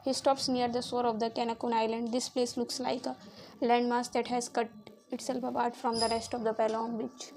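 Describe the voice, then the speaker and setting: A woman reading a romance novel aloud in a steady, even way, now and then stumbling and re-reading a word. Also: a little high, normal speed, poor audio. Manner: steady, even read-aloud delivery with small slips and re-reads. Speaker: audiobook reader.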